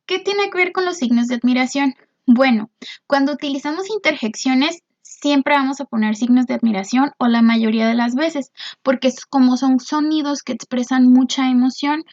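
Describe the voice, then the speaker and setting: A woman teacher explaining a video lesson patiently, often checking with "¿no?" and filling pauses with "este". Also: high voice, gravelly, muffled recording. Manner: frequent "este" fillers.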